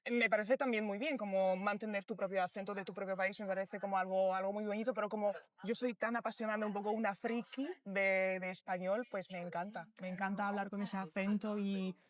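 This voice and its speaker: A woman's voice: medium pitch, fairly even intonation, a little fast, few pauses, no room sound. A young Polish woman and Spanish teacher, chatting as a guest with a Spain-style accent, enthusiastic and full of fillers. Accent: Polish, speaking Spanish with a Spain accent. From Poland. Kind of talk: casual conversation.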